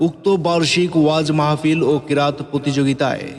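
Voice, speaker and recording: A man with a Bangladeshi accent reads a formal scripted announcement for a religious gathering in a declamatory, drawn-out, chanting delivery. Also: a little high, fairly even intonation. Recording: long echoing reverb, music behind.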